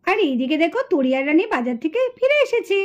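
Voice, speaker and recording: A woman's voice: high-pitched, sing-song, fast talker. A woman narrating a puppet cartoon in a plain storytelling manner.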